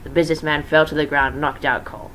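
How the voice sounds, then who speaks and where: Stumbling and informal, an amateur fan fiction reader gives a casual dramatic reading, pausing for self-correcting asides. The mid-range voice is bright and forceful, level in tone, and fast. The recording is a noisy amateur one made at home.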